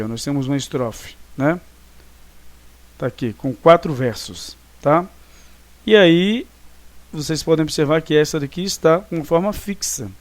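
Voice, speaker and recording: A man teaching in a recorded online lesson, with a voice a bit higher than most men. He explains step by step and counts syllables aloud carefully. He often stops to check that his students follow. The sound is dry and close. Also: a little mellow, no echo. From Brazil. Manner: explanatory, checks understanding with frequent tag questions; counts syllables slowly and deliberately.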